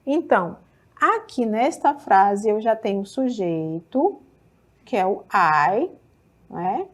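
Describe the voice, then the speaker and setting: A woman English teacher with a Brazilian Portuguese accent, explaining grammar step by step in a televised lesson and reading English examples slowly. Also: mid-range voice, sing-song. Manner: patient, explains step by step with frequent checks like "tudo bem?".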